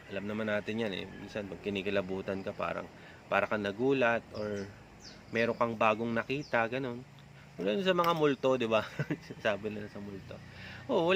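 A man's voice: medium pitch, a bit bright, slight background noise. A man talking casually to his audience in a vlog, rambling, with many filler tags at the ends of his phrases. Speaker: vlogger. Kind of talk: casual talk to camera.

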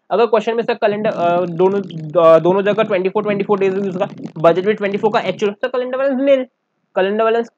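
In a dull, dry, muffled recording, a high-voiced commerce teacher gives a casual accounting lecture. He works out sums aloud in mixed Hindi and English, keeps calling the listener "sir," and repeatedly checks whether his students follow.

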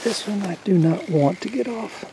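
Filmed by a boat-mounted camera, a woman fishing from a small boat on a lake gives relaxed commentary and talks to her catches in a folksy way; she's a fishing vlogger. She speaks at normal speed in a medium-pitched voice with vocal fry, over background noise.

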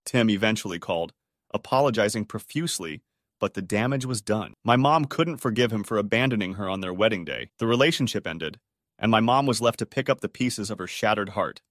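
A man narrating stories in a dramatic, scripted way. His pitch rises and falls a lot, and the sound is close and dry with no room in it. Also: animated, fairly quick, no echo. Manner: dramatic storytelling. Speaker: storyteller.

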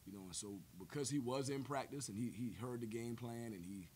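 A man in his forties, a head coach answering questions at a post-game press conference, measured and full of fillers and repeated words, speaking into a table mic in a press room. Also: medium pitch, darkish tone, a little hiss or hum. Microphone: table mic on stand.

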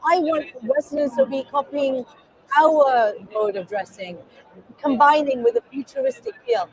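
Her voice sits high and moves at a moderate pace, though the recording is rough. She's a middle-aged Kenyan woman, the guest artist in a casual interview at an indoor expo booth, talking animatedly and excitedly with plenty of gestures.

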